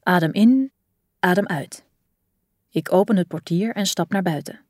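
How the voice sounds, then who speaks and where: A woman reading a first-person audiobook in an expressive storytelling manner. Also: fairly low pitch, measured pace, no echo, studio quality. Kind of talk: audiobook narration.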